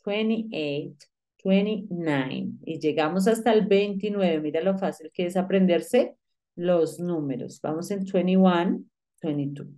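Mellow-voiced woman teaching English. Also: on the low side. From Colombia. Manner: patient, repeats numbers slowly for drill; addresses the student directly, with frequent "pilas" and "listo". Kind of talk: online English lesson.

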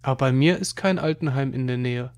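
A man reading a children's money book aloud as audiobook narration, in an even storytelling manner. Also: medium pitch, fairly quick. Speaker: audiobook reader.

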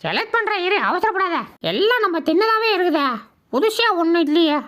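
A woman's voice: very high-pitched, lively intonation, normal speed, fairly bright tone. A woman dubbing funny inner thoughts of pets in a playful, teasing, chatty way. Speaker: comedy pet video narrator. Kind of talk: comic mind-voice dubbing of pets.

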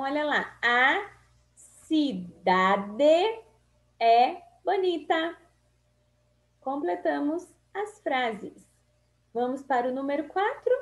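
A Brazilian woman teacher slowly reading through a children's spelling lesson, drawing out each word in a sing-song way. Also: fairly high pitch, a little mellow. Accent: Brazilian Portuguese. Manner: drawn-out, sing-song words for small children. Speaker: primary school teacher. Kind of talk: slow, syllable-by-syllable reading lesson.

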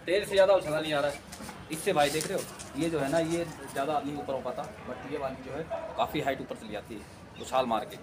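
A man's voice: fairly high pitch, brisk, noisy background. Playful man teasing his dogs outdoors. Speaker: vlogger. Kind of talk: casual pet vlog. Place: rooftop, outdoors.

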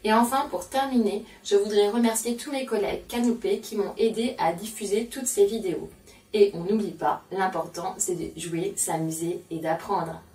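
A woman's voice: medium pitch, fairly even intonation, moderate pace, darkish tone, far from the mic. A woman educator explains a syllable game to parents and plays it patiently with a young child, praising often. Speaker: educator presenting a learning game.

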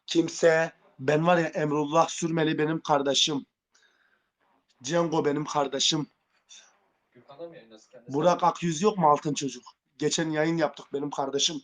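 Angry guy on a live stream swearing nonstop, kinda high voice, keeps repeating the same threats. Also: fairly even intonation, measured pace, long pauses, fairly bright tone. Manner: belligerent, profane, repeating his threats. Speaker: livestreamer. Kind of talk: heated live-stream confrontation. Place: Antalya.

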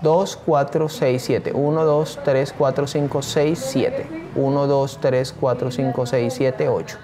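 Upbeat teacher. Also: male voice, medium pitch, steady tone, slow, crowd noise. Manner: enthusiastic, addresses viewers directly. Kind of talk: screen-share tutorial.

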